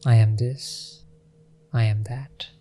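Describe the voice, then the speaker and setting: A man guides a meditation gently and unhurriedly, leaving long pauses. His mid-range voice keeps a fairly even intonation, and there's a little hiss or hum.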